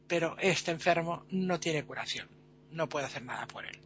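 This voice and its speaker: An apologetic young doctor with a soft heart, hesitant and regretful, as a storyteller puts him on. The voice is high and bright for a man, on a slightly dull, lo-fi recording. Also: expressive, moderate pace, slight background noise.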